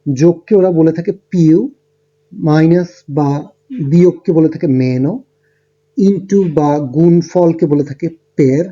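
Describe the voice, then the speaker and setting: Mellow-voiced man teaching step by step. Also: on the high side, highs cut off. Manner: explains step by step with fillers. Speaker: language teacher. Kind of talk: lesson narration over slides.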